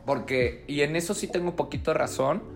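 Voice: medium pitch, brisk, creaky. A podcast co-host in their twenties with a Mexican accent, chatting casually about films in a rambling, jokey way, full of slang and swearing.

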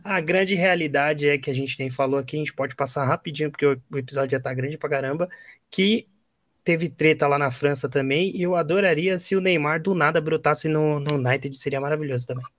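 A man's voice: a little high, fairly even intonation, fairly quick, fairly bright tone, dry recording, studio quality. A Brazilian man hosting a podcast in casual, slangy football chat, often checking that his co-host agrees.

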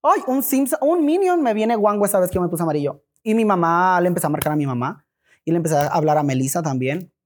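Speaking fast in a high-pitched voice, this Mexican-accented podcast guest tells a story casually. He stays animated throughout, cursing freely and performing the dialogue as he quotes it.

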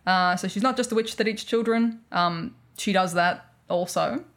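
A woman's voice: medium pitch, moderate pace, a bit bright. An Australian woman co-hosting a podcast, chatting loosely and rambling as she explains, with frequent laughs. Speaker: podcast co-host. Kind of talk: casual explanatory chat.

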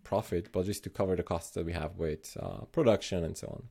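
A man from Slovenia with a low, mellow voice chats on a podcast. He talks thoughtfully, stopping and restarting his sentences as he works out what he means. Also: fairly quick, gravelly, husky. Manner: thoughtful, many restarts and self-corrections. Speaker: podcast host. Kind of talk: casual podcast chat.

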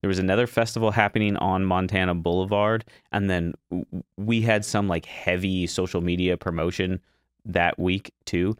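A man's voice: low voice, fairly even intonation, moderate pace, clear, resonant tone, no room sound, studio quality. A young man telling a kitchen story in casual talk, acting out his panic in a raised voice. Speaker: guest chef.

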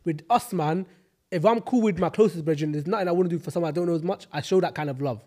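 Male podcast host, London roadman accent, higher-pitched and quick, casual debating style. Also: darkish tone. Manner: urban roadman slang delivery.

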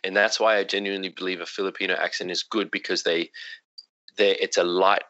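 Aussie man, low bright voice, skeptical and chatty, dry lo-fi recording. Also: little pitch movement, dry recording. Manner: quick to disbelieve, says nah and no way. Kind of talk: casual chat among friends.

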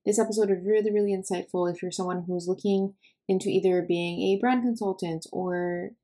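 A woman's voice: medium pitch, steady tone, brisk, dark tone. A woman in her twenties hosting a podcast, chatting casually with lots of filler words. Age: 20s. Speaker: podcast host.

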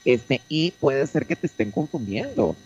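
A man's voice: mid-range voice, expressive, unhurried, a little mellow, lo-fi sound, a little hiss or hum, lightly acted. A man playing a flirty, sassy woman. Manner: teasing, affectionate, calls others "mi amor". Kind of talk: comic character on a radio show.

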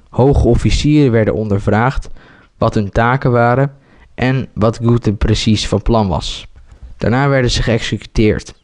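A man's voice: on the low side, a little mellow. Man reading a story with stumbles. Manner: halting reading with slips and restarts. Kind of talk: reading a homemade story aloud.

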